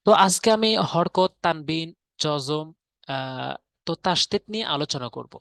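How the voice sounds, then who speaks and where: A man teaching Arabic letter pronunciation in a patient, repetitive tutorial, often pausing on fillers. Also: fairly high pitch, animated, gravelly, fairly bright tone, clean tone, no room sound, clean studio sound. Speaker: Quran reading teacher. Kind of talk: spoken tutorial lesson.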